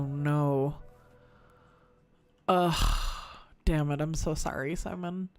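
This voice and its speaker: A woman live-streaming a farming game, chatting casually with viewers and reading their messages aloud, sympathetic and swearing freely. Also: on the low side. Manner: talks to chat directly, reads messages aloud.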